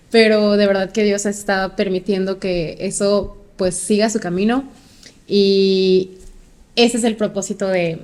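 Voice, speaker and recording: A young adult woman hosts the interview in a soft-spoken, thankful way. She speaks at a middling pitch for a woman. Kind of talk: hosting an interview.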